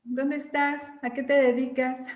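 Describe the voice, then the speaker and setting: A woman's voice: high-pitched, level tone, takes it slowly, echoey room. A woman hosting an online class, calling on participants in turn with an encouraging manner over a video call. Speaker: class host. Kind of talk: casual introductions on a video call.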